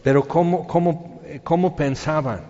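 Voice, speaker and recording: A middle-aged man with a Mexican accent preaching a sermon in a lively, colloquial storytelling manner, with spoken sound effects. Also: a little high, unhurried. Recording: dull reverberant hall.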